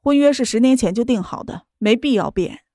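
A woman's voice: medium pitch, normal speed, no room sound, studio quality, close to an everyday voice. A woman voicing a cold, aloof young man. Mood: dismissive. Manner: flat, cold and dismissive.

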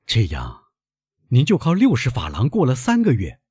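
A man's voice: medium pitch, huge pitch swings, moderate pace, mellow, breathy edge, no echo, studio quality, pitched above the performer's own voice, exaggerated voice. Man voicing an eager young sailor son. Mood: dismayed. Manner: pleading, emphatic. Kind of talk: audiobook reading.

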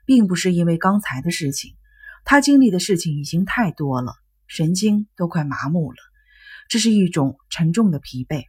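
A woman reads a novel aloud as an audiobook narrator. Her voice is husky and a bit breathy. The reading is steady and measured. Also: on the low side.

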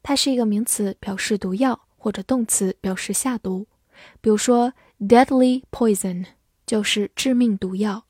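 A woman teaching English vocabulary, spelling out the letters of each word and reading the example sentences slowly, then repeating them. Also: medium pitch, mellow, husky, no room sound, studio quality. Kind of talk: slow, deliberate vocabulary lesson.

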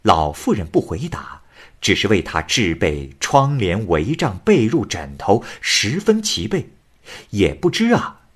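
A man retelling a classical tale in plain speech, with an expressive, drawn-out delivery. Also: lowish voice, husky. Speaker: storyteller.

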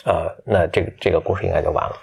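A man retells a fairy tale in an easy, conversational way, his voice sitting on the low side. He talks loosely, with frequent fillers and restarts as he pieces the story together from memory. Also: fairly even intonation, rapid-fire, gravelly, darkish tone, breathy edge.

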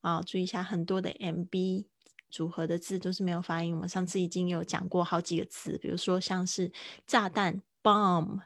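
A woman with a gravelly, slightly low voice runs a casual live-streamed English lesson. She chats along and repeats each word slowly to show how it is pronounced. The sound is dry, with no room echo. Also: flat delivery. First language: Mandarin. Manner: chatty, repeats words slowly to model pronunciation. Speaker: English teacher.

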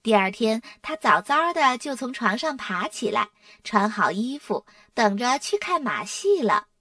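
A woman narrating a children's picture book in an expressive, clear storytelling manner. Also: a little high, unhurried, no echo. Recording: distant mic, dry sound.

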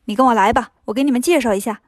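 A woman's voice: fairly high pitch, very fast, no room sound, clean studio sound, natural voice. A woman voicing a helpful male divine messenger in a storybook reading, friendly and explaining.

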